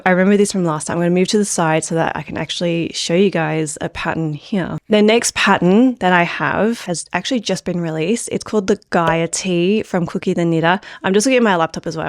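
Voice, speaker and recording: An Australian knitwear designer chats casually while reviewing knitting patterns, rambling with lots of filler words, her throat a bit phlegmy from a cold. Her voice is fairly low, and the studio recording is clean with no echo.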